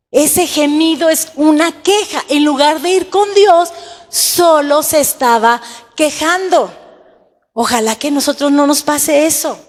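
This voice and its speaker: A woman's voice: sits high, big-room sound. A woman pastor preaching a sermon in an emphatic way, asking the congregation rhetorical questions.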